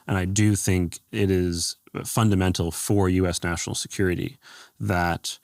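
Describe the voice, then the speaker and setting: Deep gravelly man, measured interview answers. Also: flat delivery, no room sound, studio quality. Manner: measured, thoughtful, with frequent fillers. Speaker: guest, former government AI adviser.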